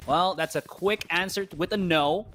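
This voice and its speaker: A man commentating live on an esports match as an excitable caster, exclaiming and throwing out rhetorical questions. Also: high voice, normal speed, noisy background.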